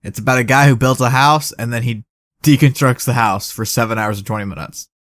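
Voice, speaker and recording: Brief: young male podcast co-host, mid-pitched, casual and animated, dry close mic. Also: fairly quick, no echo. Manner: animated, acts out movie quotes. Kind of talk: casual chat.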